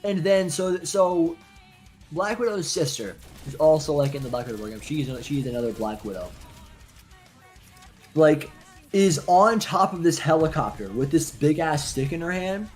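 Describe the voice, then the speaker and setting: A young man talking casually over a game, his voice swinging widely in pitch as he rants himself into a worked-up state. He stays animated and expressive the whole time, with faint music behind him. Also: normal speed. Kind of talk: casual gaming chat.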